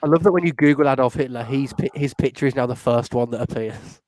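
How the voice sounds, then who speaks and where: A British man co-hosting a live sports chat show, tossing out quick jokey asides. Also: medium pitch, a little mellow. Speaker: podcast co-host. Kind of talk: casual live-stream chat.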